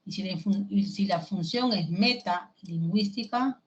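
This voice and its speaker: Peruvian lady teacher, slow and patient, quizzing the class, kinda dull lo-fi sound. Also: on the low side. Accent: Peruvian Spanish. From Peru. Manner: slow, explains step by step with questions to the class. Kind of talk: language class lecture.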